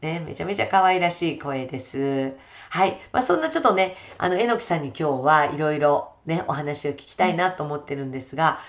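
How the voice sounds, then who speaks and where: A woman presenting a radio show in an upbeat, energetic manner and interviewing a guest. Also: low voice, brisk, dull audio. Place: radio studio.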